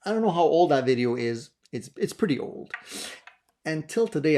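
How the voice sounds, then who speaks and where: Speaking in a creaky, darkish mid-range voice, this guitar gear channel host, an adult past thirty, chats to camera while responding to viewer questions. He's relaxed, often using fillers and starting sentences over.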